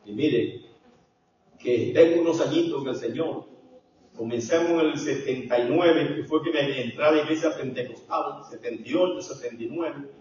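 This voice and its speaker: An older man preaching a sermon as a pastor, swinging from hushed storytelling to shouted preaching. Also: mid-range voice, normal speed. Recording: echoey hall, distant dull mic.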